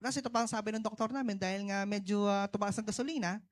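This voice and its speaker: Filipino pastor guy preaching, mixes languages, keeps going "no? di ba?", short bursty lines, gets loud then quiet. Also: sits high, fairly even intonation, very fast. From Philippines. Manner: switches between Tagalog and English, asks the congregation "no?" and "di ba?"; talks in short bursts with big swings in loudness. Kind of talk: sermon testimony.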